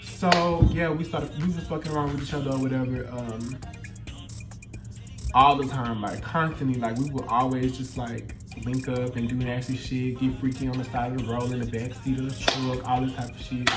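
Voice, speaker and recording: A Louisiana man in his twenties tells a story on YouTube in casual, slangy chat, his Southern accent carrying a feminine, flamboyant flair. His mid-range voice stays level and a little fast, repeating phrases for emphasis, while roomy echo and background music surround him.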